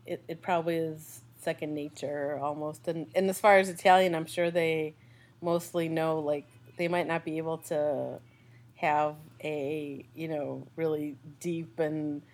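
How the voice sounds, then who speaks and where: A woman's voice: low-pitched, little pitch movement, measured pace, darkish tone. A young American woman co-hosting a podcast, chatting casually and rambling with lots of fillers. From United States. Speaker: podcast co-host. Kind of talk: casual chat.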